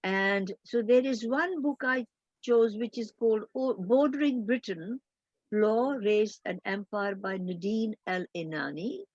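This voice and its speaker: An older woman speaks in a measured, thoughtful way as a guest in an academic roundtable. She often pauses and restarts while she gathers her thoughts. The call sounds dry and slightly dull. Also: mid-range voice, no echo. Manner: measured, thoughtful, with frequent hesitations.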